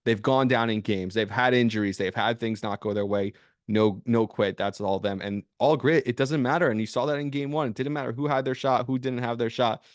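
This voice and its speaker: A man hosting a sports podcast, delivering an opinionated, emphatic monologue in a casual way that builds into loud bursts. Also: medium pitch, a little fast, no room sound, studio quality. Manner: casual with fillers and restarts.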